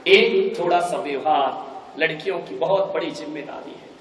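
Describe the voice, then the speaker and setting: High-voiced male preacher in a hall. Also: moderate pace, slight background noise. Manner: dramatic storyteller, moralizing. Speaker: Jain monk preacher. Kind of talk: sermon with storytelling. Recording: echoey hall, voice from a distance.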